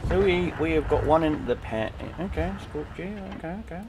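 This thirty-something streamer with a Yorkshire accent talks briskly in a slightly high voice while playing a tank game in a small home room. He jokes, chats, and hums or sings along, with the game audio and other noise audible beneath him.

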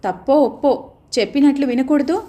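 A woman voicing a sharp-tongued housewife who scolds with sarcasm in an audio novel. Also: high voice, brisk, pitched above the performer's own voice, lightly acted. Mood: scolding.

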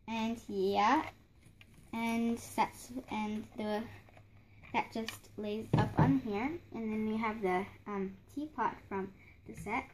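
Over a noisy background, a young girl with a slightly high voice rambles through a casual show-and-tell, full of fillers and restarts, of a doll house her mom built. She holds the phone camera close at home, her hands in frame next to the doll house.

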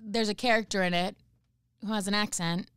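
A woman in her thirties hosting a podcast, chatting in an animated, quick-tongued way on a close mic. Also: mid-range voice, clean tone, dry recording. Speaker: podcast host. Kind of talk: casual banter.

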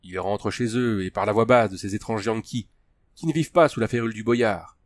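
A man reading the lines of a solemn male peasant elder in an audiobook, speaking in a level, measured tone. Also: on the low side, lightly acted. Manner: even, measured.

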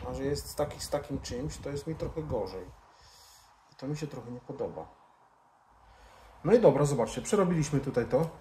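A mellow, mid-range male voice, expressive and a little fast, pauses often while casually explaining a hands-on tutorial and muttering to himself as he works. The speaker is a motorcycle vlogger in an indoor garage-bar lounge. The audio has roomy echo and background noise.

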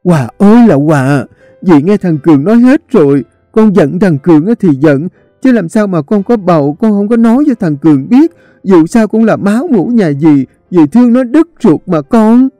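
A man voicing a brash, spiteful middle-aged woman who wails and accuses in a high, shrill voice. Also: animated, normal speed, mellow, dry recording, soft background music. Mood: wailing.

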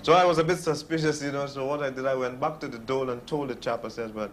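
A man's voice: medium pitch, steady tone, fast, slight background noise. Man telling his story. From West Indies. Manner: rambling, repeats "you know" and "um", acts out quoted voices. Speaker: interviewee, bakery foreman. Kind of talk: casual storytelling in an interview.

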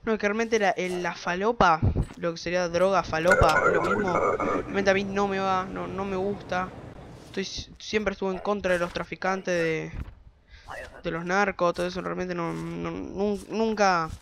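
A man giving casual, rambling game commentary from his bedroom, excitable and quick to swear. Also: sits high, vocal fry, very noisy. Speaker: gameplay commentator. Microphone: desk microphone.

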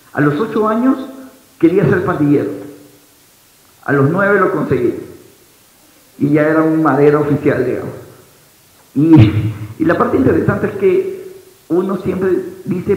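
A young man from Ecuador with an Ecuadorian Spanish accent, giving an energetic motivational talk on a large auditorium stage and questioning the audience. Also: a little high, vocal fry. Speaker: motivational speaker. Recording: roomy hall sound, dull lo-fi audio.

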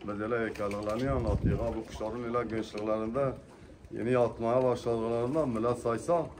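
A man's voice: medium pitch, fairly even intonation, fairly quick. A man casually presenting birds at a live auction, chatting and often echoing what he is told. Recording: noisy, distant mic, cooing pigeons. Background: pigeons cooing, birds, clicks.

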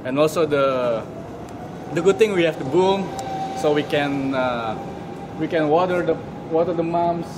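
Young Indonesian man, slightly high voice. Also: measured pace. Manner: friendly, loose, many fillers. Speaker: greenhouse intern. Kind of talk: casual to-camera testimonial. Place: large greenhouse, indoors. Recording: clear ventilation noise behind.

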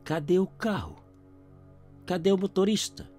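A man's voice: high voice, big pitch swings, measured pace, a little mellow, faint music behind, pitched above the performer's own voice, exaggerated voice. A man voicing his terrified young male friend, who asks frantic, pleading questions. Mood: scared.

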